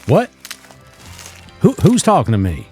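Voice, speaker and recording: A man's voice: mid-range voice, huge pitch swings, unhurried, a little mellow, soft background music. A man streaming a western role-play game, chatting casually and rambling through stories with chuckles. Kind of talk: casual in-character chat while streaming.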